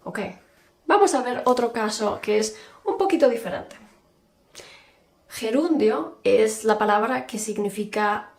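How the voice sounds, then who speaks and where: A woman teaching a language lesson, speaking slowly and clearly and repeating example phrases one by one. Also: on the high side, a little mellow. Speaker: Spanish teacher.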